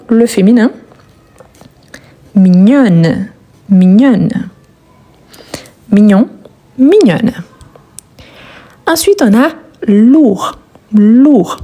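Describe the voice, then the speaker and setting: A woman's voice: mid-range voice, mellow, breathy edge. A woman teaching a live online French lesson, patiently repeating each word and praising her students' answers. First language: Portuguese.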